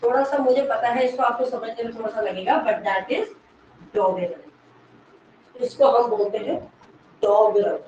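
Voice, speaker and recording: A woman English literature teacher giving an exam-prep lecture, explaining slowly, repeating key words and quizzing the class. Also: a little high, steady tone, darkish tone, muffled recording. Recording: echoey room, mic far from speaker, faint noise.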